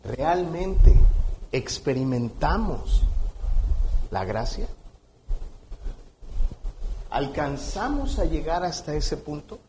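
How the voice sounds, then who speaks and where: High-voiced Mexican pastor preaching. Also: male voice, very animated, slow, pauses often, a little mellow, a little hiss or hum, rough recording. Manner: conversational, acts out scenes. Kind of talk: sermon.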